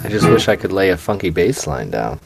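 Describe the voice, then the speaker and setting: A man's voice: sits low, very animated, brisk, gravelly, loud music behind the voice. A man co-hosting a podcast remotely, chatting casually in an easygoing, amused way. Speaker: podcast co-host. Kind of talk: casual chat. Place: home, remote podcast recording.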